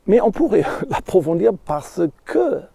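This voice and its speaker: A middle-aged man with a foreign, German accent talks in a rambling monologue. His voice sits a little high for a man, yet is gravelly with fry, and the sound is close and dry. He pauses often to search for the right word. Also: big pitch swings, mellow, no echo. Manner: halting, searching for words, with tag questions.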